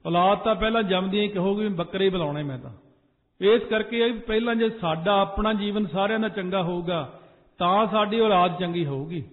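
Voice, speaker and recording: A man's voice: sits high, a little fast. A man preaching a Sikh sermon to a congregation, slipping into sung phrases and rising to urgent emphasis. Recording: echoey hall over a tinny phone-like line.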